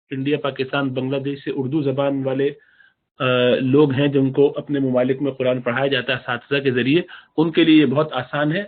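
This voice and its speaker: Man teaching recitation over tinny audio. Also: medium pitch. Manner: drawn-out demonstrative recitation of examples. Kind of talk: tajweed lesson with recited examples.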